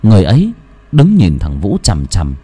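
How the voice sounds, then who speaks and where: A man's voice: low-pitched, huge pitch swings, normal speed, mellow, breathy edge, soft background music. A man narrating a ghost story in a dramatic, suspenseful way.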